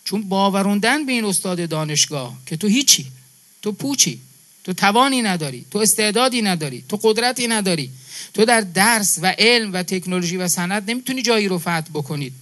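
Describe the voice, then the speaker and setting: A preacher from Iran with a high, animated, somewhat bright voice delivers a religious sermon to a gathering. He builds his points through emphatic repetition and addresses his listeners as brother and sister.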